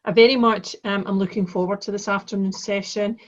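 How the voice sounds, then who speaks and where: A woman's voice: mid-range voice, steady tone, fairly quick. A woman with a broad Glaswegian Scottish accent, formally and courteously giving a chair's welcome address over a dull video-call connection. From Glasgow, Scotland. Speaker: conference chair giving opening remarks. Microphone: video call microphone.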